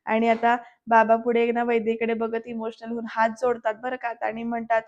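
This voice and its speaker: A woman's voice: on the high side, monotone, moderate pace, lo-fi sound. A woman giving a voice-over recap of a serial episode, telling the story scene by scene and often speaking straight to the viewers. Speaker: serial reviewer.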